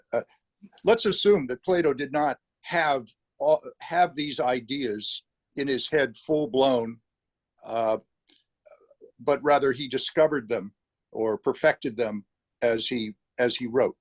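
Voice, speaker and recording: A man in a seminar discussion, tentative and thoughtful, with many filler sounds. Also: mid-range voice. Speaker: seminar participant. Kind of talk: discussion group talk.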